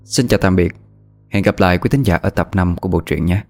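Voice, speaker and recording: A man narrating an audiobook story in a scripted, expressive storytelling delivery. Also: low-pitched, fairly quick, faint music behind. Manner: expressive, rising and falling delivery.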